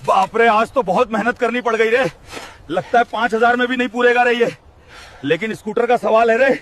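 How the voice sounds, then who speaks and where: A man's voice: very high voice, brisk, a bit bright. A man voicing a naive, hapless young village man in a comic cartoon, with a whiny drawl. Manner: whiny drawl ending lines with "re". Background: music.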